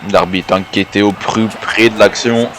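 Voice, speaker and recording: A man's voice: on the low side, steady tone, moderate pace. A man giving wrestling commentary on a video game match, calling moves in short phrases alongside a partner. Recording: faint background noise.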